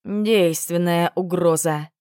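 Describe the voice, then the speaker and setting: A woman voicing a smug young male dragon who teases slowly in a lowered voice. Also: steady tone, a little mellow, clear, resonant tone, no echo, studio quality. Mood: teasing. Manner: slow, mocking, lower than the narrator.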